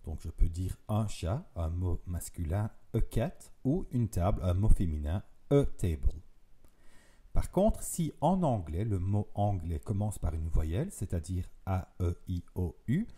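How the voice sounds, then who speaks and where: A man, patiently explaining grammar in a video lesson, slowing down to spell out each example. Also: sits low, very animated, warm tone, slightly rough. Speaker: language teacher.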